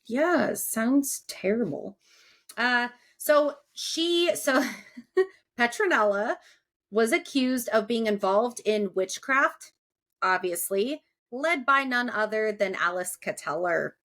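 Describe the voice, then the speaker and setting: A woman's voice: a little high, animated, takes it slowly, fairly bright tone. A young woman hosting a podcast in casual, chatty talk, laughing often. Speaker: podcast host.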